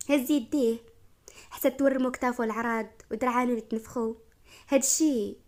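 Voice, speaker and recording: Moroccan woman telling a story, lively and expressive, kinda high voice. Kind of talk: story narration.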